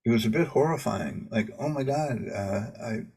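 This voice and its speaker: A man hosting a casual video interview, talking haltingly with many fillers and restarts. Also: medium pitch, darkish tone, husky, poor audio. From Maine. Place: home in Maine.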